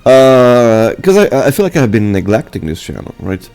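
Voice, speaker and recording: A young Brazilian man, Portuguese being his first language, gives a casual English update as a channel host, halting and full of fillers and restarts. His medium-pitched voice is very animated, creaky and darkish.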